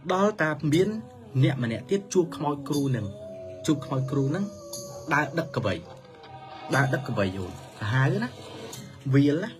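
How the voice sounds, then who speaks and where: A man telling a story for children in a lively manner, his pitch swinging up and down. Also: normal speed, pauses often. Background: music.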